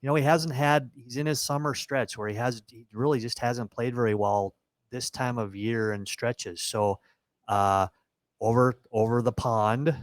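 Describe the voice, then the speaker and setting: A man's voice: mid-range voice, steady tone, measured pace, dry recording. A man is giving golf advice on a podcast. He is emphatic and circles back over his own phrases. The recording is dry and close. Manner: emphatic, repeats phrases when explaining. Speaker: golf podcast co-host, golf coach. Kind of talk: casual chat.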